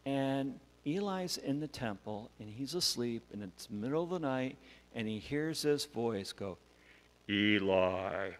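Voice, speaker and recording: A man's voice: mid-range voice, measured pace. Man telling a church children's story. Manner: animated, acts out the voices in the story. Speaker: pastor giving a children's message. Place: church sanctuary. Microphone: wireless mic. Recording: church hall reverb with faint hum.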